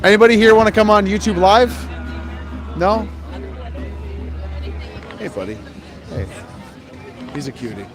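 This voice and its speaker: A man's voice: high-pitched, big pitch swings, a little slow, long pauses. A man hosting a casual livestream at an outdoor street protest, chatting with people and inviting strangers on. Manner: chatty, friendly, approaches strangers. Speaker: livestream host. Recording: crowd and music behind.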